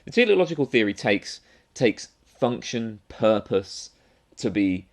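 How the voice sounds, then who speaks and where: A man's voice: on the low side, very animated, unhurried. A man giving an explanatory philosophy lecture, thinking aloud with restarts, fillers and frequent rhetorical checks.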